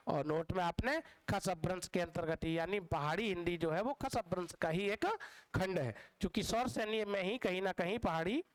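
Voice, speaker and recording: A man with a high voice gives an exam-prep lesson, patient and repetitive, stretching out the key words. His tone is smooth and clear. He speaks to his students as dear children. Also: low-quality recording. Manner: drawn-out stressed words. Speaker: teacher. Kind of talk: exam-prep Hindi lecture.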